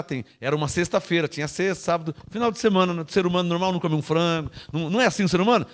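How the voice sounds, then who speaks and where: A man with a Brazilian Portuguese accent preaching a sermon as pastor, emphatic and calling on the congregation to answer him. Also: a little high. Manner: emphatic, calls on the congregation for responses.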